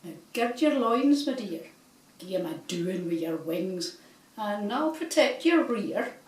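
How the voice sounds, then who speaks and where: Brief: a woman playing a demure Scottish hen swan, measured and slow, in a roomy echo from afar. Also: mid-range voice, big pitch swings, a little mellow. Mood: prim. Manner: prim and agreeable. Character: prim, demure female swan. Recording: roomy, from a distance.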